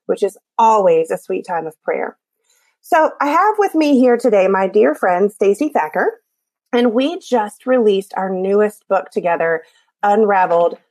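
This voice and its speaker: A woman podcast host with an Appalachian accent speaks in a mid-range, slightly mellow voice made scratchy by allergies. She's encouraging and chatty, dropping small jokes through a scripted intro and casual chat. There's no echo on the recording.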